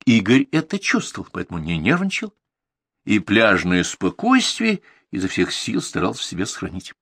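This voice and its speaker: A man reading a novel aloud as an audiobook narrator, with a low, husky voice. His storytelling swings widely in tone, and the sound is dry and close. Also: wildly swooping pitch, normal speed, a bit bright, no echo. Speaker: audiobook reader. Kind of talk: scripted narration.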